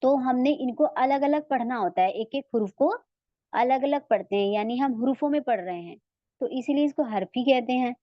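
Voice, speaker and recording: A woman's voice: high voice, moderate pace, no echo, lo-fi sound. A woman with an Urdu accent teaching a Quran recitation lesson online, patiently asking her students whether they follow and stretching out the sounds she demonstrates. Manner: patient, asks checking questions.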